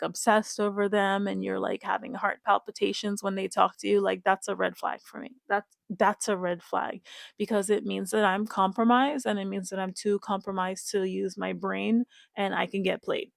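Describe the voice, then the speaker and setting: Her medium-pitched voice has a creaky quality, recorded with no room sound. Working as a reality-show commentator, she talks directly to viewers in a relaxed yet emphatic manner, going back over her points repeatedly.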